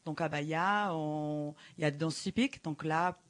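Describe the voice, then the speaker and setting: Brazilian woman, halting foreign-accented French. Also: sits low. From Brazil, Belém in the Amazon region. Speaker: guest, dancer and show creator. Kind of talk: interview answers, explaining.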